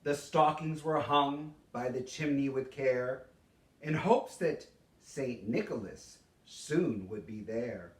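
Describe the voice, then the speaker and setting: A man giving a theatrical poetry recitation as a storyteller, with dramatic, expressive delivery and deliberate pauses. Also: mid-range voice. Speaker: storyteller reading a Christmas poem. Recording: roomy echo, distant microphone.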